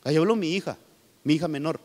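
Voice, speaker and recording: A man's voice: fairly high pitch, quick pace, darkish tone. A male pastor from Honduras preaching a sermon with emphatic delivery, often calling out to his listeners directly. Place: church hall. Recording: long hall reverb.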